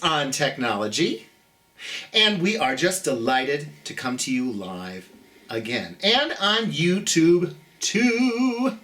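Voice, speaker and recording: A middle-aged children's storytime host with a mid-range voice chats and reads aloud, gentle and theatrical. They address young listeners directly, drawing out words for emphasis.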